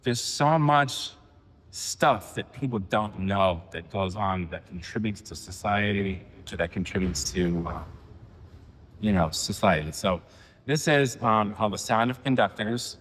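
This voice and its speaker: A man in his forties giving a poetry reading, with halting, filler-heavy asides between poems. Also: fairly low pitch, fairly bright tone, big-room sound. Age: 40s. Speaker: poet. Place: reading venue.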